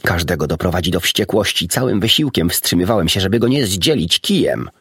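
A man voicing an indignant, belligerent young man quick to anger. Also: low voice, expressive, a bit bright, husky, no echo, clean studio sound, heavily acted. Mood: furious.

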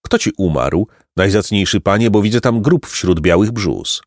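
A man's voice: on the low side, lively intonation, moderate pace, dry recording, studio quality. A man voicing a tender-hearted young man who exclaims and speaks with a tremble, in a storybook reading. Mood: emotional.

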